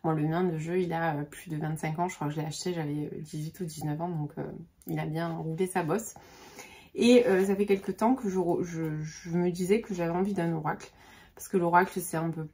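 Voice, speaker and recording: A woman's voice: on the low side, fairly even intonation, fairly quick, mellow. A woman in her forties chatting casually about books on her vlog, hesitant with many fillers and restarts. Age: 40s. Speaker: book vlogger. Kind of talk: casual book vlog chat.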